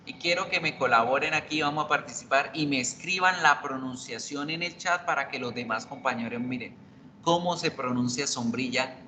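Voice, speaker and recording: A man's voice: medium pitch, sharp tone, a little hiss or hum, rough recording. A man teaching an online English class, patiently explaining pronunciation and repeating words.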